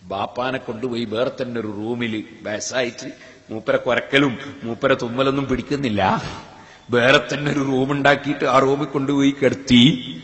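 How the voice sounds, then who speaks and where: A man telling a colloquial, lively anecdote as part of a sermon. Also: mid-range voice, moderate pace. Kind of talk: sermon storytelling. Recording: long hall reverb.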